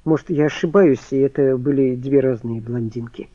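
A man voicing a brisk, sarcastic young widow in an audiobook, raised pitch and mocking retorts. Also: no echo, lo-fi sound, natural voice. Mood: sardonic.

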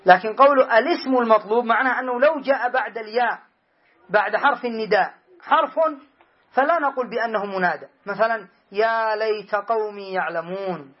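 شيخ بصوت مرتفع ومبحوح في درس نحو. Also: male voice, extremely high pitch, quick pace, breathy edge, highs cut off. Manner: explains patiently, repeats examples, quizzes students. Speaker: sheikh teaching Arabic grammar. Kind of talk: classroom grammar lesson.

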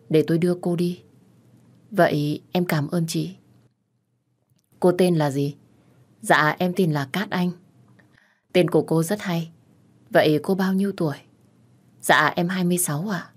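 A woman narrating a first-person audio story in a soft, measured way, voicing every character herself. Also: low voice. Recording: soft music underneath.

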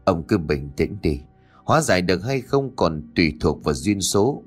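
A man voicing a deep, solemn exorcist monk. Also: sing-song, breathy edge, soft background music, full character voice. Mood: grave. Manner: slow, solemn, measured. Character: calm, stern middle-aged male exorcist monk.

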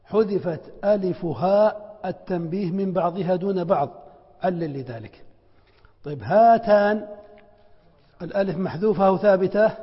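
A man's voice: high-pitched, husky. A middle-aged man teaching a classroom lesson on spelling, asking students questions and then answering them himself. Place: lecture hall with students. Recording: dull lo-fi recording with long hall reverb.

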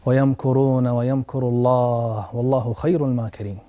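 A man's voice: mid-range voice, steady tone, brisk, dark tone. A male preacher giving a religious talk. He tells a story with passion, his voice rising sharply at the dramatic moments, and he speaks directly to his listeners as brothers and sisters.

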